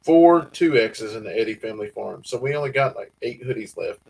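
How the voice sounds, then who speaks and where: A man's voice: mid-range voice, animated, brisk, vocal fry, a little mellow, slightly rough, low-quality recording. A man with a Southern US accent hosting a casual family-farm livestream, reading viewer comments in a laid-back drawl. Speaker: livestream host.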